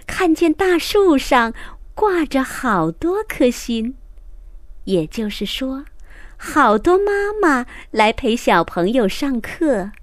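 A woman reading a children's story aloud, in a slow, clear, expressive way. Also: on the high side, no room sound, studio quality.

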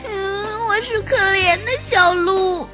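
A woman's voice: extremely high pitch, expressive, a little slow, over music, pitched above the performer's own voice. A woman voicing a timid young fawn that stammers and is close to tears. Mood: tearful, timid. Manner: hesitant, stammering, on the verge of tears.

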